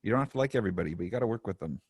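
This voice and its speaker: A man's voice: on the low side, expressive, very fast, a little mellow, breathy edge, no echo, studio quality. A man co-hosting a podcast in a laid-back, joking chat. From Canada. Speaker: podcast co-host. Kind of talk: casual chat.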